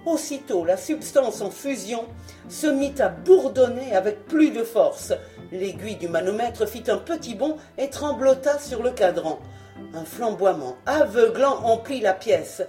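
A woman narrating a novel in an expressive, dramatic audiobook reading. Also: a little high, measured pace, soft background music. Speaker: audiobook reader. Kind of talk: scripted narration.

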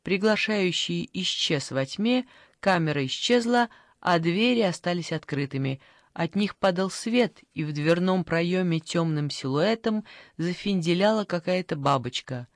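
An audiobook narrator reading a literary story in a measured, even storytelling manner. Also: mid-range voice, dry recording, studio quality.

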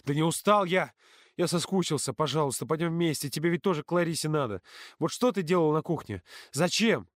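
A man voicing a hot-tempered teenage boy close to hysteria in an audiobook, yelling and pleading in a raised voice. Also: mid-range voice, normal speed, dry recording, close to an everyday voice. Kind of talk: audiobook character voice.

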